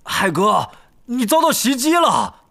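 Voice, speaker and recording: A man's voice: medium pitch, big pitch swings, brisk, pushed and bright, pitched above the performer's own voice. A man voicing a blunt, impatient teenage schoolboy in an audiobook. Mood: exasperated. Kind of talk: audiobook character voice.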